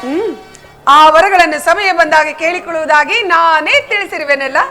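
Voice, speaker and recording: A woman's voice: very high voice, normal speed, pushed and bright, exaggerated voice. A woman playing a proud, wavering queen in a village stage drama, with declamatory, emotional delivery. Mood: pondering. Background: stage music accompaniment.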